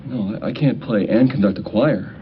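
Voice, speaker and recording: Seth, hesitant low-voiced accompanist played by a man. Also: normal speed, close to an everyday voice. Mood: reluctant, anxious. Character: reluctant, self-doubting male choir accompanist named Seth. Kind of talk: 1980 television film acting. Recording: dull old film audio, faint noise.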